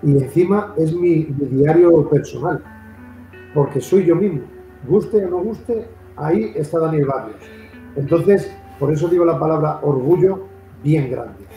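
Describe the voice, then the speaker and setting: A man's voice: on the high side, unhurried, mellow, faint music behind. A man from Madrid with a Castilian Spanish accent, hosting an interview in a long, rambling, repetitive way. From Madrid, Spain. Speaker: interview host. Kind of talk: casual interview chat. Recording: echoey room.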